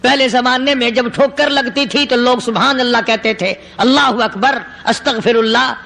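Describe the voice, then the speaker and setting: Man preaching, high piercing voice, punchy rhythmic repetition. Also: fairly even intonation, creaky, sharp tone, in a large hall, a little hiss or hum. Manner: emphatic, rhythmic, repetitive lists. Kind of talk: sermon.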